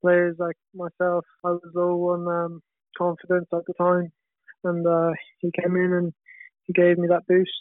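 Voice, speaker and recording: Young guy w/ west of ireland accent, highish voice, hesitant, thin radio-like call. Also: completely flat delivery, moderate pace, no room sound. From Galway, west of Ireland. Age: young adult. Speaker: footballer, podcast guest. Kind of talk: casual interview answers. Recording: tinny band-limited radio-like line.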